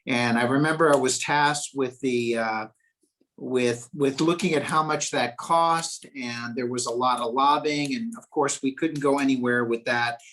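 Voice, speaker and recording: A man's voice: mid-range voice, fairly even intonation, measured pace, fairly bright tone, slight background noise. Humble older man giving thanks. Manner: humble, hesitant with fillers. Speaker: retiring city staff member. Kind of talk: thank-you remarks at a meeting.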